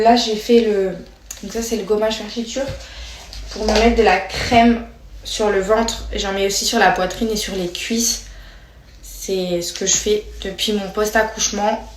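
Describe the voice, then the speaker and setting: A woman's voice: mid-range voice, a little hiss or hum. A young woman vlogging casually, talking with many hesitations and fillers. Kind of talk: casual vlog chat.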